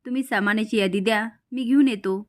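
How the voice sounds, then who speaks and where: A woman's voice: on the high side, quick pace, close to an everyday voice. A woman voicing a kind, obliging middle-aged family man in a storybook recap. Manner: obliging, calm.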